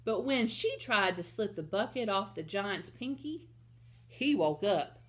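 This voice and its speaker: A woman reading a storybook aloud to children in a slow, expressive way. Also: medium pitch, slight background noise. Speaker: storytime reader.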